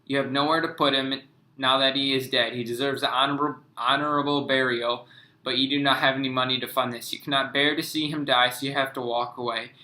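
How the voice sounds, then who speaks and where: A man's voice: medium pitch, flat delivery, a little fast, sharp tone, echoey room, rough recording. A young man giving a class presentation, reading his written pieces aloud and stumbling over words with restarts.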